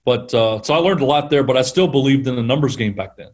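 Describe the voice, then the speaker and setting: Middle-aged man, mid-pitched, chatty storyteller with lots of energy, guest on a talk show. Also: fast. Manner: animated storyteller, acts out quotes, laughs often. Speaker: guest, sales trainer. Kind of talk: conversational storytelling interview.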